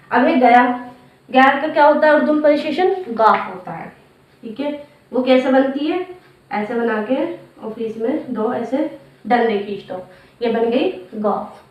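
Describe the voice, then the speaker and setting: Woman teacher walking thru letters one by one, kinda high voice, far from the mic, super echoey and muffled. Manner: asks and answers her own questions, repeats each step. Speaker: Urdu script teacher. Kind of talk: step-by-step writing lesson. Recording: roomy, distant, dull lo-fi sound.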